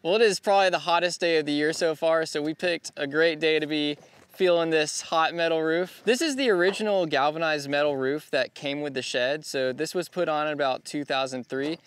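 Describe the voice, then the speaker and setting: Outdoors on a rural property, an easygoing man in his twenties laughs often as he chats through his DIY vlog. His voice is a little high, fairly quick, and fairly bright, with a clear, resonant quality picked up by a lapel or on-camera mic.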